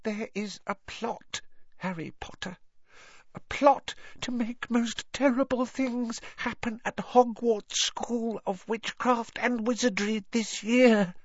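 A man voicing an anxious, servile male house-elf in an audiobook reading, with a high, pleading manner. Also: measured pace, no echo. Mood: fearful. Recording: dull dry studio sound.

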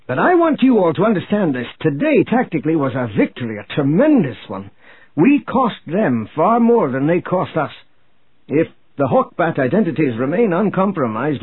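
A man voicing a calm, authoritative male military commander in an audiobook. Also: on the high side, breathy edge, voice pushed up. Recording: tinny phone-like audio.

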